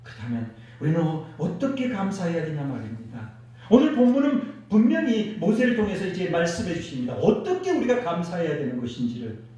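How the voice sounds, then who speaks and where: A man preaching a sermon as pastor, animated and leading the congregation in responses. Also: high-pitched, brisk, distant mic. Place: church sanctuary. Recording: echoey church hall, mic from afar.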